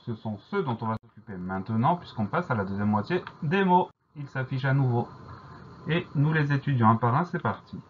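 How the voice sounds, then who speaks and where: A man teaching a French spelling dictation lesson, spelling each word out letter by letter in a slow, deliberate way. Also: mid-range voice, lively intonation, phone-quality sound, slight background noise.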